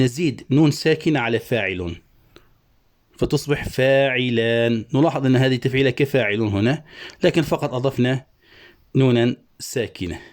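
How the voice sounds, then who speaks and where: A middle-aged man with a mellow, warm voice teaches poetic meter. He breaks verses into syllables and draws each one out slowly and deliberately, like a patient classroom teacher. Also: medium pitch. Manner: slow deliberate syllable-by-syllable scansion, drawn-out chanting of syllables. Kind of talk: Arabic prosody lesson.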